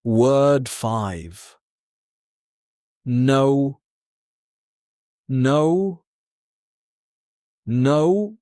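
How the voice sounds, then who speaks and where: Very slow, calm man guiding relaxation. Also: mid-range voice, dry recording, studio quality. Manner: calm, unhurried, repeating words with pauses. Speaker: English teacher and relaxation guide. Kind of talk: slow guided relaxation language lesson.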